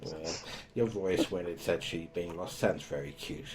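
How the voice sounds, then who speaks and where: A man hosting a podcast, explaining spiritual topics in a calm, casual way. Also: low-pitched, normal speed, background noise. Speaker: podcast host.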